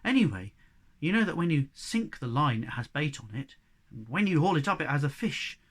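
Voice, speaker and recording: Man doing a lively young Moomin troll. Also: fairly high pitch, moderate pace. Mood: encouraging. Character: cheerful sensible young male Moomin troll.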